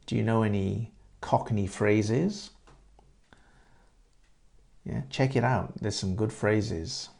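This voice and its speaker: A middle-aged man from England talks through conversation questions like a patient teacher, repeating phrases so learners catch them. His voice sits low and mellow with a gravelly edge, and he takes his time. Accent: English. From Great Britain. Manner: repeats words and phrases slowly and clearly for learners. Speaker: English teacher. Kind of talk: conversation-practice lesson, asking and answering questions.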